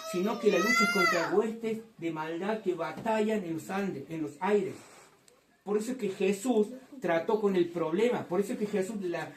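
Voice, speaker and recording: A woman preaching a fervent sermon to a congregation, rising to loud emphatic passages. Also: mid-range voice, background noise. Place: church hall. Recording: echoey hall from far off.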